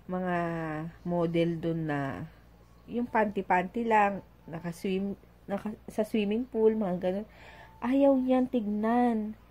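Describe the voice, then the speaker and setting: A woman's voice: medium pitch, dark tone. A mother chatting casually in a home vlog, telling a story in a giggly, talkative way while doing chores. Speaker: vlogger and mother.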